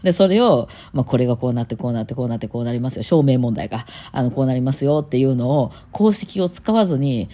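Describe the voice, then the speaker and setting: Woman, Kansai accent, solo casual talk, rambling with fillers, fast, mellow. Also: rumbling low. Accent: Kansai Japanese. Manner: rambling and animated, lots of fillers. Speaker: musician and podcast host.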